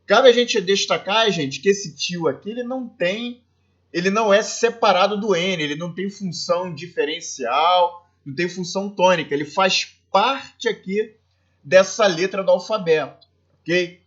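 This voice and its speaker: Brazilian man teaching in a high voice. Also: normal speed, fairly bright tone, highs cut off. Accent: Brazilian Portuguese. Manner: explains step by step, checks with "ok?" and "né?". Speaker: Spanish teacher. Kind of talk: recorded classroom lesson.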